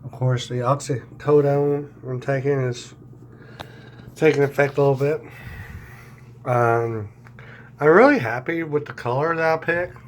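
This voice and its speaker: A man talking casually in an unscripted video diary, halting and searching for words, his speech affected by new dentures and a swollen mouth. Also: medium pitch, fairly even intonation, slight background noise. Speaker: vlogger sharing dental recovery diary.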